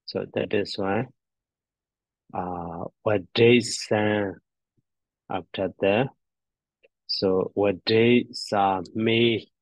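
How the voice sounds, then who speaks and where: Slow, halting male teacher in a roomy recording. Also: fairly low pitch, steady tone. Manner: halting, repetitive, thinking aloud. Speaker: teacher, addressed as a Buddhist monk. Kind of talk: grammar lesson on verb endings, reciting forms. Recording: dull, roomy lo-fi audio.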